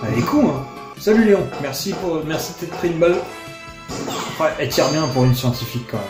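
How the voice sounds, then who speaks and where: A man's voice: fairly high pitch, fast. Joking man over game music. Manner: joking, sarcastic, excitable outbursts. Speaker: let's play commentator. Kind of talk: casual gameplay commentary. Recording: roomy sound with game music behind.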